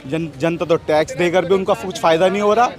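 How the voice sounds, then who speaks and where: Angry high-voiced man on the street. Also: brisk, a crowd in the background. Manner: angry, repetitive complaints. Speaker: passer-by interviewee.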